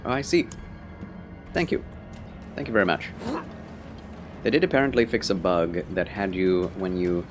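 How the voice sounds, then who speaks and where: A man doing casual, playful live gameplay commentary as a streamer, in short muttered reactions. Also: low-pitched. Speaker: game streamer. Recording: streamer voice over loud game music.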